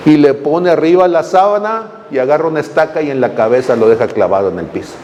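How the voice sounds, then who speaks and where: A man's voice: fairly high pitch, lively intonation, fast talker, darkish tone. A male pastor preaching a sermon, telling the story with humor and voiced quotes. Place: church hall. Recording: long reverb in a hall, faint noise.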